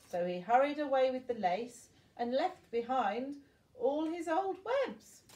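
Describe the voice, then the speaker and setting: Like a grandmother at bedtime, an older woman slowly and expressively reads a storybook to young children in a high, slightly mellow voice, making little asides to them along the way. Her voice echoes around the room, well away from the mic.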